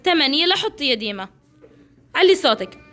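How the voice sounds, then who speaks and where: A woman's voice: high-pitched, very animated, fast talker, sharp tone. A woman teacher, coaxing and praising young children through a counting game. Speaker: preschool teacher.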